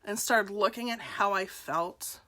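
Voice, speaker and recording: Woman, 40s. Candid, self-deprecating storyteller speaking to camera with a bright, clear tone. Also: mid-range voice, a little slow. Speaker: nurse and direct seller.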